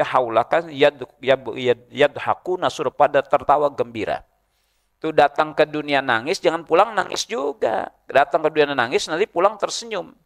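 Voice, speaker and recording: A middle-aged male preacher, giving a humorous mosque sermon and chanting Arabic verses slowly. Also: medium pitch, gravelly.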